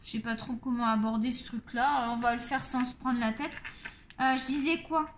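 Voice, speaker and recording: A woman's voice: fairly high pitch, fairly even intonation, normal speed, slight background noise. A middle-aged woman hosting a coloring video, chatting casually and candidly as she colors, rambling with many fillers. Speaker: coloring channel host. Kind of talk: casual chat while coloring.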